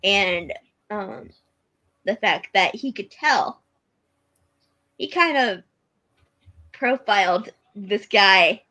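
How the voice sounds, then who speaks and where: Chatty woman talking about a show, bright sharp voice, excited. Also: mid-range voice, low-quality recording. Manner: chatty, enthusiastic, quick laughs. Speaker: podcast co-host. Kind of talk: casual episode recap chat.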